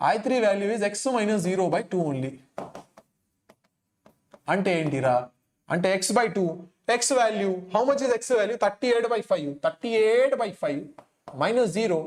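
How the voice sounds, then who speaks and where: A man's voice: sits high, darkish tone, a little hiss or hum. A man with a Telugu Indian accent, a native Telugu speaker, teaching an exam-coaching lesson, working through sums aloud, repeating phrases and prompting students with questions. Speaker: physics teacher.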